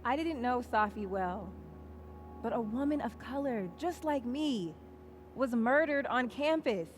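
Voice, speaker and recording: An outspoken young woman student from a video game, earnest and pointed as she speaks up. Her voice sits fairly high, and she presses every point with conviction. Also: animated, unhurried, slight background noise. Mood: frustrated.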